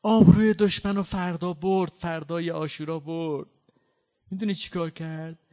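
A man giving a mourning sermon. He recites quoted lines slowly and drawn out, then explains them in plain speech, with fervent, impassioned delivery. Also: on the high side, fairly even intonation, warm tone. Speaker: preacher.

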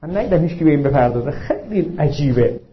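High-voiced male preacher, dull recording. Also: lively intonation. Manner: asks the audience frequent rhetorical questions; slows down to recite and stress quotations. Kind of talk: religious sermon.

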